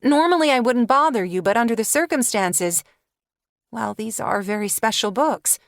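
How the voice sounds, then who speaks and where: A woman's voice: fairly high pitch, expressive, moderate pace, gravelly, no echo, clean studio sound. Woman voicing an eager, flustered young woman. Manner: eager, breathless. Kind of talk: audiobook narration.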